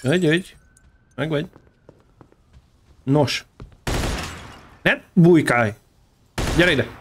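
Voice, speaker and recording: A man narrates a casual let's-play for his gaming channel at a fairly high pitch, swearing and trash-talking the enemies with excitement. A little hiss or hum sits under the audio.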